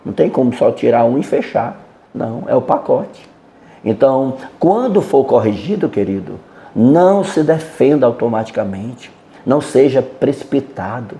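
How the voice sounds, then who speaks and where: Pastor guy preaching, warm dark voice, earnest, keeps tossing in little tag questions. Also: mid-range voice, lively intonation, moderate pace. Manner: earnest teaching, often adds "né" and addresses "querido". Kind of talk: sermon.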